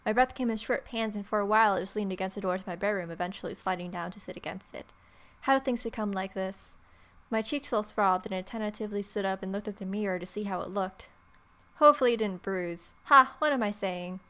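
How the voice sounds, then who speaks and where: Speaking fast in a mid-range, somewhat bright voice, a woman hosts a let's play of a visual novel. She reads the protagonist's lines aloud and tosses in wry, playful ad-libbed comments as a gaming video host.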